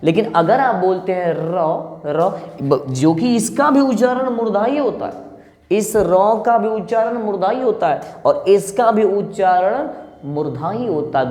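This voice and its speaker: A man teaching students how to pronounce sounds, slowly drawing out each example as he demonstrates it. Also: high voice, darkish tone. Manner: slow, drawn-out demonstration of sounds. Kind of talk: pronunciation lesson. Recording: echoey room with long reverb.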